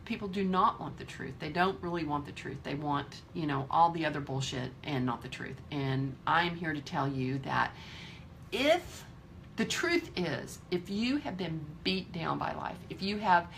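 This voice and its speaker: A woman's voice: on the low side, fairly bright tone, slight background noise. A woman in her fifties giving a candid, emphatic motivational talk to her viewers, swearing freely. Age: 50s. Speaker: vlogger.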